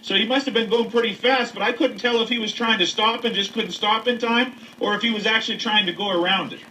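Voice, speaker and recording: A man's voice: high voice, fairly even intonation, fast, sharp tone. A man interviewing, asking hesitant, probing questions and giving short reactions. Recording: distant mic with faint noise.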